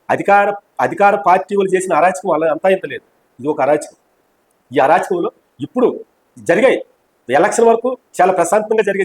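A man's voice: high-pitched, poor audio. A man in a heated political interview, speaking as an opposition party member in a fiery, mocking and combative way.

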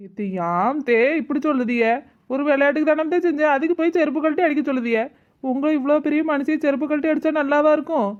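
A woman's voice: high voice, quick pace, darkish tone, dull audio, close to an everyday voice. A woman voicing a cheeky, lazy young wife, always hungry and talking back. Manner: cheeky, talks to herself, sweetly impudent. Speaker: lead character. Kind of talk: cartoon comedy voice acting.

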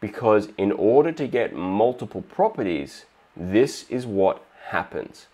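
Lowish-voiced Australian man explaining finance. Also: unhurried. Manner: steady explanatory, acts out little dialogues. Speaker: finance video host. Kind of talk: explainer monologue.

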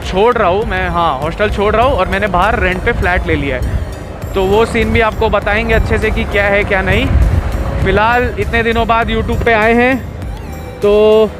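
A young man, chatting in a rambling, easygoing way while riding a motorbike on a highway and mixing in English words. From India. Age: young adult. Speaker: motovlogger. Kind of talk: casual chat while riding.

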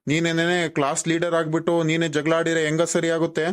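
A man's voice: fairly high pitch, completely flat delivery, brisk, natural voice. An actor playing a strict but kindly village schoolteacher in a cartoon, with a rural Karnataka Kannada accent, scolding and lecturing his pupils. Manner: scolding then lecturing, repeated questioning "aa?". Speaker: teacher. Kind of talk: cartoon voice acting.

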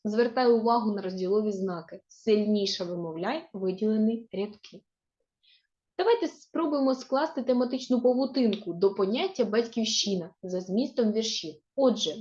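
A woman teacher giving a recorded video lesson for young pupils, reading words and poems aloud slowly with clear stress. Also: medium pitch, a little mellow. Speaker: primary school teacher. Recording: dull, muffled audio.

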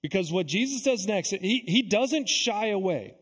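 High-voiced preacher in an echoing church. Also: male voice, animated, a bit bright, slightly rough. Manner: earnest preaching with deliberate pauses and repeated phrases. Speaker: pastor. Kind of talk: sermon. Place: church sanctuary. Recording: long echo of a church sanctuary.

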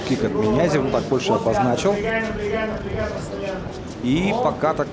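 A man's voice: mid-range voice, lively intonation, moderate pace, over a noisy crowd. A man giving conversational live commentary on a mixed martial arts fight. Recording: loud music behind commentary. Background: loud music.

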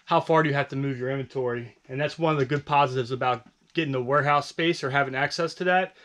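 A man's voice: medium pitch, fast, fairly bright tone. A man casually walking through his basement resale stock in a vlog, loose and rambling with lots of fillers. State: out of breath. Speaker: online reseller vlogger. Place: home basement storage room.

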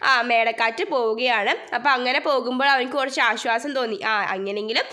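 A woman's voice: fairly high pitch, a little fast, bright, forceful tone. A woman teacher reading out a school textbook story and explaining it, with lots of fillers.

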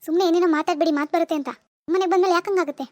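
A woman's voice: very high voice, fairly even intonation, racing, dry recording, clean studio sound. A woman voicing a grieving, defensive mother-in-law in a cartoon. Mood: indignant. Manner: wailing laments, then stern rebukes. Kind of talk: animated cartoon voice acting.

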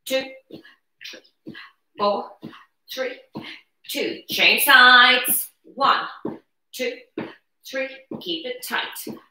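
Casting: female fitness instructor, very bright and forceful, counting workout reps, heard in a very echoey room. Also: high-pitched, extremely slow, pauses often. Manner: counting workout reps aloud in short cues; energetic, encouraging while exercising. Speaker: aerobics instructor leading chair exercises. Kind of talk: live fitness class coaching. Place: brick-walled living room at home. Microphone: camera a few metres away. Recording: roomy echo, distant camera microphone.

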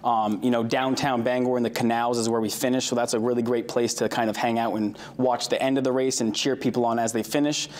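Guy in his 30s talking fast on a local news set, chatty with lots of ums. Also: medium pitch, little pitch movement, darkish tone. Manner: quick, upbeat, informal with fillers. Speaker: recreation coordinator guest. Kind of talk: live TV studio interview. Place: TV news studio. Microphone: lapel mic.

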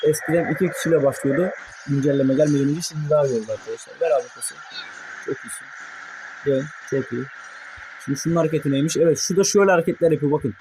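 A young man commentating his own mobile football match for viewers, excitable and quick to curse at his players in frustration. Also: on the high side, noisy background. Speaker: gaming YouTuber.

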